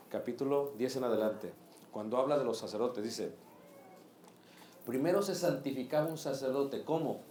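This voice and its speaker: A man preaching a sermon, lively and asking the congregation questions. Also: medium pitch, roomy sound, slight background noise. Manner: animated, asks the congregation questions.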